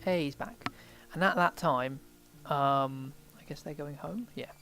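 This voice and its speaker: A man's voice: fairly high pitch, unhurried, vocal fry, pushed and bright, soft background music. A man giving casual let's play commentary, rambling and thinking aloud as he plays a game. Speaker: game streamer.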